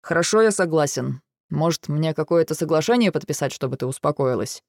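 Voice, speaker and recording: A man voicing a weary, dry-witted male dragon in an audiobook, with a gravelly, restrained delivery. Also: a little high, lively intonation, fairly quick, no echo. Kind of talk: audiobook dialogue reading.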